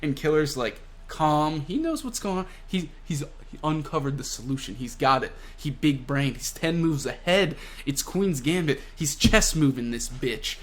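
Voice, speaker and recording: A young man casually and excitedly recapping a manga chapter, full of slang and fillers. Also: a little high, moderate pace. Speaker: manga reviewer.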